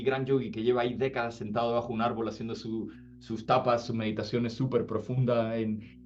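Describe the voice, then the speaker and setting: A man giving an informal spiritual talk, casual, often checking whether the listener follows. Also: medium pitch. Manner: casual, asks "does it make sense?" often. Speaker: spiritual teacher. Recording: slightly dull sound, faint music.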